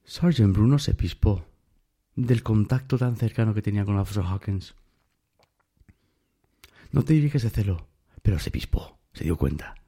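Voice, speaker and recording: A man's voice: lowish voice, expressive, moderate pace, pauses often, dark tone, breathy edge. A man telling a personal story in a casual monologue, emphatic and speaking straight to the listener. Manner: emphatic, addresses the listener directly.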